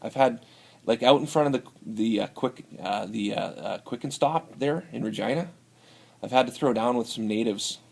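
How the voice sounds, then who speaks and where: In an improvised comedy sketch, a man with a mid-range, creaky, darkish voice plays a boozy, brawling Canadian hoser. He uses a Canadian accent, rambles and stumbles haltingly, and tacks "eh" onto the ends of his lines.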